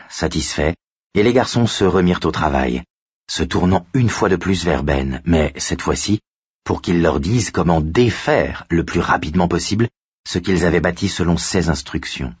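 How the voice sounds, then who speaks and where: A man narrating an audiobook in a steady storytelling manner. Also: deep voice, slightly rough, dry recording, clean studio sound. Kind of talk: scripted narration.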